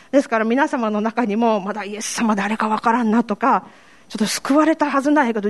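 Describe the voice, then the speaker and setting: A woman with a Kansai accent giving a personal faith testimony to a congregation, telling her story in a candid, self-deprecating way. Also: a little high. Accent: Kansai Japanese. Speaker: church member giving testimony.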